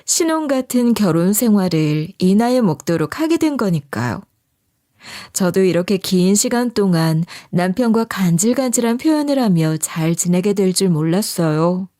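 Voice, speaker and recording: Female storyteller, lively intonation, confiding first-person narration. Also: mid-range voice, moderate pace.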